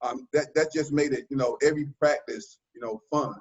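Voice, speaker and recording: A man tells joking stories on a video call and acts out old teasing. His voice is mid-pitched, and the call audio sounds dull and lo-fi. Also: a little fast, a little mellow, breathy edge. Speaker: former player on a team reunion call. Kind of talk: casual reminiscing.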